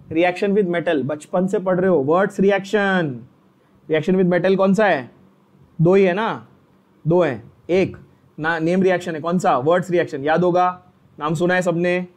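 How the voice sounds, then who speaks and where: A man with a fairly high voice teaches an exam-prep chemistry lesson. He keeps the class on its toes, asking the same question twice and pushing students to answer out loud. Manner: drills students with repeated questions; energetic, coaxing.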